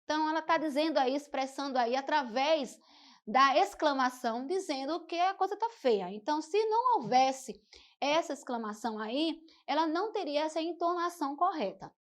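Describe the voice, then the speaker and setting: A woman's voice: sits high, animated, normal speed. A woman teacher giving a televised school lesson, explaining step by step and often saying "então" and "né". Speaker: Portuguese teacher.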